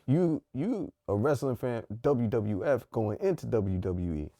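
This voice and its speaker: A man co-hosting a podcast, joking and talking in slangy, animated casual chat. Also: mid-range voice, measured pace, no room sound. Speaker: podcast co-host. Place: podcast studio.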